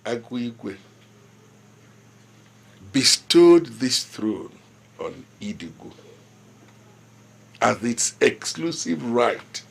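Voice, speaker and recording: An actor playing a proud, stubborn older village king with a Nigerian accent, speaking in measured, authoritative lines and quoting proverbs. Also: medium pitch, sing-song, vocal fry, husky, heavily acted. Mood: dismissive. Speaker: traditional king. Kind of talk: film drama acting.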